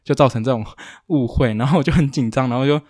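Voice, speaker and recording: A man hosting a casual podcast. He talks quickly, rambles through his stories and throws in fast asides. The sound is dry and close. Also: medium pitch, a little mellow, no echo. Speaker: podcast host. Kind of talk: casual chat.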